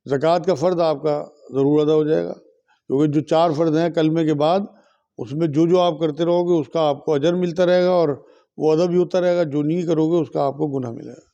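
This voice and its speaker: Firm, mellow-voiced Islamic scholar answering questions. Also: male voice, a little high, steady tone, a little fast, dull audio. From India. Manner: repeats each question, then answers firmly. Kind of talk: religious question and answer session.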